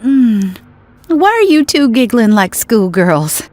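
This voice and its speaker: A woman voicing a tired, pregnant young wife in an animated story, speaking in a sleepy, pleading way. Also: fairly high pitch, slow.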